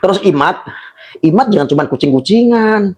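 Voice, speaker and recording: A man with a Javanese accent, a religious tolerance activist making an impassioned appeal, pleading and often shouting. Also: high voice, animated, brisk. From Java, Indonesia. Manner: pleading, frequently shouting, emotional.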